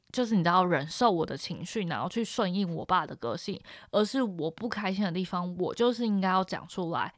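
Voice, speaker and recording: A young woman with a Taiwanese Mandarin accent, hosting a podcast and frankly telling a personal story in a casual, animated monologue. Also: medium pitch, no echo, clean studio sound. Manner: frank, animated retelling with emphatic repetition. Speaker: podcast host.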